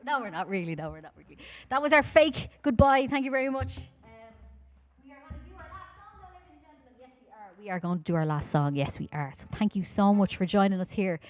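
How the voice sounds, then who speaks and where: A woman in her thirties from Dublin with a Dublin Irish accent, chatting playfully with the audience between songs at a live concert, speaking into a stand mic on a dark stage. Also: mid-range voice, big pitch swings, quick pace, pauses often. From Dublin, Ireland. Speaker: folk singer and bandleader. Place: dark stage in a hall, indoors. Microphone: vocal mic on a stand. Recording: live stream with loud band music.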